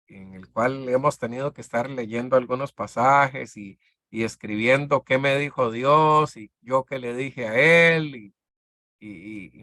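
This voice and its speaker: A man leading a Bible discipleship class, talking in a halting, conversational way with many fillers and restarts. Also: mid-range voice, pushed and bright, no echo, studio quality. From Costa Rica. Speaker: discipleship teacher.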